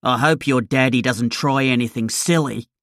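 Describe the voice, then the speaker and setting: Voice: mid-range voice, normal speed, a bit bright, no echo, clean studio sound, lightly acted. A reader voicing a masked male robber who talks in a cold, curt, menacing way.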